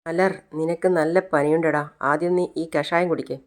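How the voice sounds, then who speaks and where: A storyteller doing a caring young woman from a television serial, soft at first but quietly insistent as she coaxes, with barely any change from the plain retelling voice. The pitch sits at a middling height. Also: fairly even intonation, normal speed, close to an everyday voice. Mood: firm.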